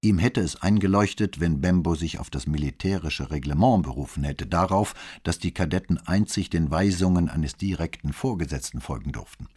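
A man narrating an audiobook novel in an expressive storytelling manner. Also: deep voice, moderate pace, few pauses, slightly rough. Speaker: audiobook reader.

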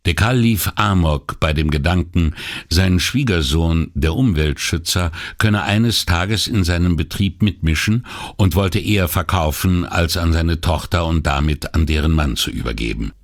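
Man with a very low voice reading an audiobook, steady and measured. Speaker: audiobook narrator. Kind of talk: scripted narration.

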